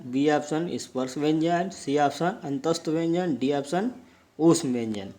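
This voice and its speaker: A man's voice: medium pitch, darkish tone. A man teaching Sanskrit exam practice, reading out each question and option and then explaining the answer.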